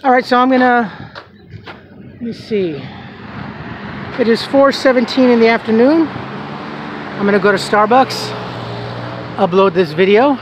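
In a very high-pitched voice, a man casually films a walking tour of his neighborhood on a handheld camera, rambling with fillers as he goes. He's outdoors on a residential street, so passing traffic and general street noise are audible.

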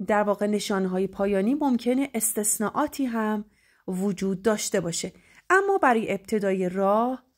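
A woman's voice: medium pitch, lively intonation. A young woman teaching French pronunciation, spelling word endings letter by letter and then saying the sound. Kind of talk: slow spelled-out pronunciation lesson.

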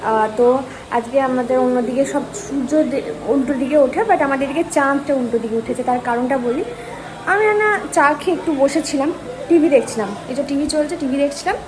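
A woman's voice: high voice, a little fast, background noise. A woman chatting casually at home in a vlog, talking straight to her viewers. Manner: chatty, addresses viewers directly. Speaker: vlogger. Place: at home, indoors.

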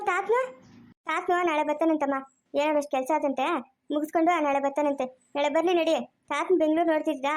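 High-voiced woman, fast, emotional pleading and scolding. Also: a little mellow. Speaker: mother in a family drama, also presenter. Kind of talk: family drama acting.

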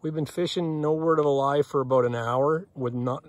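A man's voice: fairly high pitch, fairly even intonation, moderate pace, no echo. A young man filming from a small boat on a lake, commenting in an easygoing way on the fishing. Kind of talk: casual outdoor fishing chat. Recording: faint outdoor noise.

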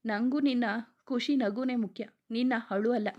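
Casting: woman doing a gentle, heartbroken young man for a storybook, soft pleading lines, slightly high. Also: moderate pace, highs cut off, lightly acted. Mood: crying. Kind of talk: storybook reading.

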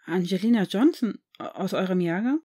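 A woman's voice: medium pitch, expressive, normal speed, dark tone, husky. Woman reading as a shy, flustered teenage boy. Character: 16-year-old boy, shy and easily flustered.

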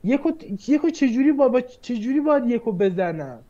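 A man recapping an online mafia game as a player, defending his votes with rapid reasoning. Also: very high voice, animated, mellow. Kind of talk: casual argumentative game recap. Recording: lo-fi online call audio.

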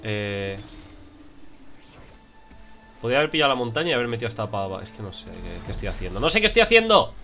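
A young man with a Spain Spanish accent giving casual gameplay commentary, excitable and prone to swearing and shouting in frustration. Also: fairly low pitch, quick pace, gravelly, long pauses, soft background music. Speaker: gameplay streamer.

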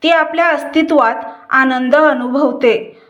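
A woman narrates a family story with a high voice and a slow, unhurried pace. Her telling is gentle and measured, read from a script. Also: fairly even intonation.

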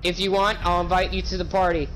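A man's voice: high-pitched, little pitch movement, fast talker, faint music behind, rough recording. Teasing young man gaming with a raised voice. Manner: teasing, goofy and loud. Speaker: gamer playing with his sibling. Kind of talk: casual gaming banter.

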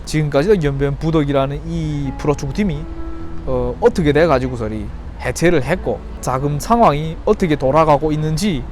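Male vlogger, Yanbian Chinese-Korean accent, slightly high voice, critical and questioning, unscripted commentary over music. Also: a little mellow. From Yanbian, China. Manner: earnest, critical, rhetorical questions. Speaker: YouTuber and football fan commentator. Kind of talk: unscripted opinion vlog commentary.

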